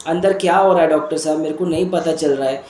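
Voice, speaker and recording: A man plays a frightened, weeping middle-aged mother who begs her doctor for help, repeating her worries in a breathless, pleading rush, anxious throughout. His voice sits on the high side with a darkish tone and fast delivery, sounding close to everyday speech. The room is echoey, with slight background noise.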